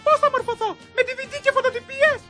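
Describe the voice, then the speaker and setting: A performer voicing a defiant, shrill student occupying a school in a comedy sketch. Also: steady tone, over music. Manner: shrill, chanting slogans.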